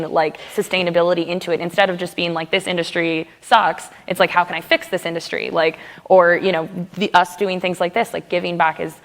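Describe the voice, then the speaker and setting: A young woman answers earnestly from a panel, her speech full of casual fillers. Her voice sits low, and a long hall reverb hangs on her words.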